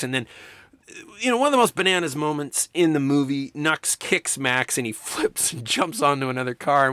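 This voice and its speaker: A man lecturing on film to students, enthusiastic and emphatic, swinging from quiet remarks to loud excitement. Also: mid-range voice, no echo, clean studio sound. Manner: enthusiastic, talks to students directly. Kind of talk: recorded lecture.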